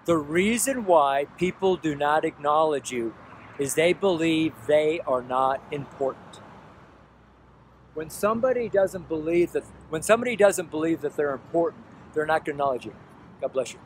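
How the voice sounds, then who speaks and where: With a slightly high voice, a man in his sixties gives an outdoor street sermon to camera by a road, the selfie camera held at arm's length. Traffic is faintly audible as he earnestly and pleadingly repeats his points.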